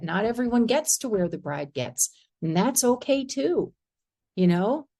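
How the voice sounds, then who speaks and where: A woman sharing a personal faith story in a group discussion, earnest and halting, often breaking into laughter. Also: mid-range voice, darkish tone.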